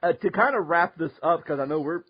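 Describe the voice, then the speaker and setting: A man hosting a podcast, telling stories in a lively, casual way and often laughing. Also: a little high, fairly quick, breathy edge, muffled recording. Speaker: podcast host. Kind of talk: casual storytelling chat.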